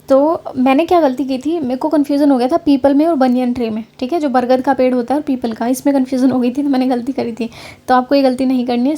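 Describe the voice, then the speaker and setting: A woman's voice: high voice, warm tone. A woman from Haryana teaching an online exam-prep class in a conversational way, checking in often with her listeners. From Haryana, India. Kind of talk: casual lecture over slides.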